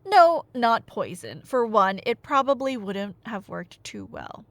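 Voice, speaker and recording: Speaking close to the mic with no echo, a woman with a fairly high, fairly bright voice plays a nerdy girlfriend eagerly recounting Greek myths. It's a casual ASMR roleplay aimed at a listener, full of playful teasing, conversational warmth and dramatic emphasis.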